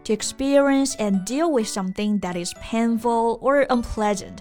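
A woman co-hosting a bilingual English lesson podcast, explaining vocabulary and slowly spelling out words letter by letter. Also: a little high, mellow, soft background music. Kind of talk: bilingual English teaching chat.

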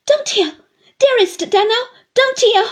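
In a full character voice, very slow and darkish, a woman plays a sobbing older woman who clings and begs through tears. She wails her pleas up high and keeps dissolving into sobs.

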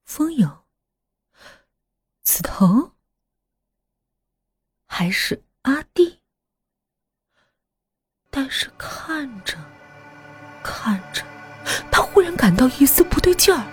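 A woman narrating a horror story in a hushed voice that often drops to a half-whisper. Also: sits high, sing-song, slow pace, long pauses, no echo, studio quality, faint music behind.

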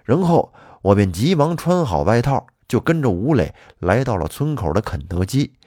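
A man's voice: mid-range voice, moderate pace, no room sound, studio quality. A man telling a folk tale in the first person as a storytelling host. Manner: lively, animated first-person narration. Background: faint background music.

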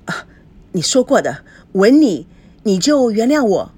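A woman's voice: on the high side, big pitch swings, measured pace, mellow, slightly rough, pitched above the performer's own voice, exaggerated voice. A woman voicing a desperate young husband who pleads urgently. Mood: pleading.

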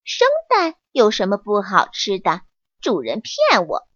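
Woman narrator doing a greedy, cowardly cartoonish monkey; squeaky, lively pleading, dull dry recording. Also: measured pace, dry recording, exaggerated voice. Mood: sly. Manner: high, excited, whining pleas. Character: greedy, sly little male monkey, easily scared.

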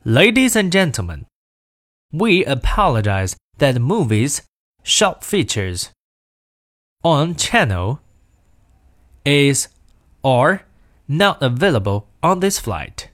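Male reader, slow and formal, lively pitch, dry close sound; cabin-announcement lesson. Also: no room sound. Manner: measured, formal announcement delivery in two languages. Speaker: language course reader. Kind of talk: reading in-flight announcements aloud.

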